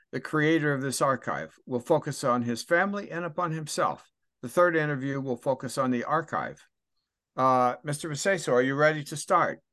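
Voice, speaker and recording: A man's voice: medium pitch, a bit bright. A man conducting an oral history interview, asking questions in a friendly, casual way.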